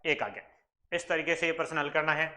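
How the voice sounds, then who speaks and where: A Rajasthani man teaching maths for exam prep speaks fairly quickly in a slightly high, bright, pushed voice with a steady tone. He explains exam questions one step at a time, raising questions and answering them himself.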